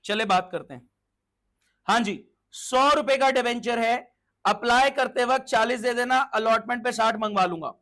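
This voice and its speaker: This male commerce teacher has a very high voice that comes across bright and forceful at a normal pace. His Hindi lecture mixes in English terms, and he constantly asks check questions while drilling students to answer aloud.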